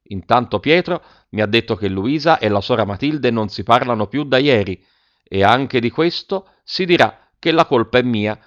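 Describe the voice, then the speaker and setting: A man reading a children's story aloud with steady first-person narration. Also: medium pitch, moderate pace, lo-fi sound. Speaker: audiobook reader.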